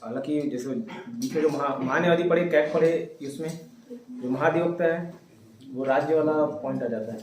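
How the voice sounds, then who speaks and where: A male teacher dictating a lesson to his class, spelling out words slowly and telling students what to write down. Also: on the high side, far from the mic, crowd noise. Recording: echoey room, voice from afar.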